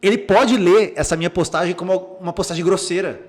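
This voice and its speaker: As a podcast guest, this young Brazilian psychologist speaks briskly in a high voice, chatting casually. He tells stories animatedly, performs quoted remarks, and frequently restarts.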